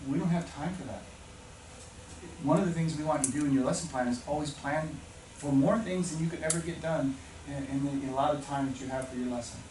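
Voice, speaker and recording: Speaking fast in a steady, fairly high yet darkish voice, a teacher orientation speaker delivers a passionate motivational talk full of stories and emphatic peaks. He sits far from the mic in a noisy, echoey room.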